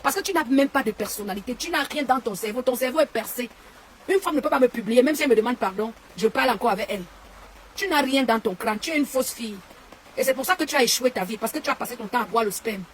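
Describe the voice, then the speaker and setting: A woman's voice: fairly high pitch, animated, fast talker, a little hiss or hum. A woman, ranting and hurling insults in a live stream from her home, repeating herself often. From Cameroon. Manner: insulting, repetitive, heated. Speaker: online commentator. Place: home and garden.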